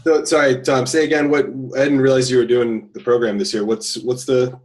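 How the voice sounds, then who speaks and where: A man of middle pitch talks a small group through a workshop. He is loose and chatty, often restarting his sentences as he goes. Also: little pitch movement, fairly quick. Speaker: attorney leading a workshop. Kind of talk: casual workshop talk.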